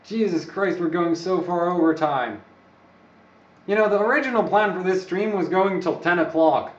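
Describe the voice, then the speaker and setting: On a live stream, a man who is not a native English speaker rambles, cracks jokes, and talks to himself for his viewers. His voice is high-pitched and moderately paced. He sits away from the mic in an echoey room, giving a dull, lo-fi recording.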